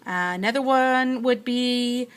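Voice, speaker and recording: A woman's voice: on the high side, slow pace, clear, resonant tone. A woman teacher giving a patient, explanatory science lesson, talking through what she writes as she goes. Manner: patient, explanatory, thinks aloud while writing. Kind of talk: classroom lecture.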